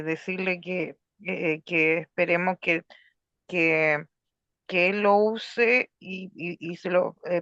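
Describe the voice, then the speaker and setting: A participant in a training class, answering a question in a hesitant way with many pauses. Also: mid-range voice, bright, forceful tone, no echo, muffled recording. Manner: hesitant, many fillers and restarts.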